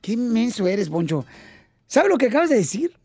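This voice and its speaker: Man, rowdy radio host, high voice, teasing banter. Brief: morning show host. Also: very animated, moderate pace, darkish tone, slightly rough, dry recording, soft background music. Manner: boisterous, slangy, teasing.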